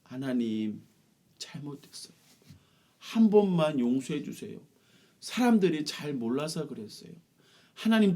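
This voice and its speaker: A man's voice: mid-range voice, darkish tone, breathy edge. Fields: Voice: a man doing Moses. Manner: earnest, imploring. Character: pleading prophet Moses, earnest leader begging forgiveness.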